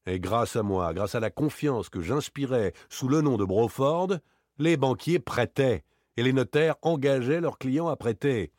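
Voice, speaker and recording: A man reading an audiobook, voicing a suave, proud gentleman burglar with ironic, theatrical outbursts. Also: medium pitch, expressive, unhurried, dry recording, clean studio sound, pitched above the performer's own voice. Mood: sarcastic.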